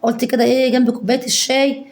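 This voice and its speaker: A woman with an Egyptian accent, hoarse from a cold, chatting fondly to her viewers about a budget week of home cooking. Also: high voice, little pitch movement, racing, reverberant. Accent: Egyptian Arabic. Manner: warm endearments to viewers, acts out their questions.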